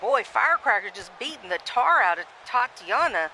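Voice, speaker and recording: Bright-voiced woman calling simulated wrestling. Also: fairly high pitch, sing-song, normal speed, a little hiss or hum, low-quality recording. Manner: chatty, rambling, with frequent restarts and reading viewer comments aloud. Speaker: play-by-play commentator. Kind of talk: casual commentary on a simulated wrestling match.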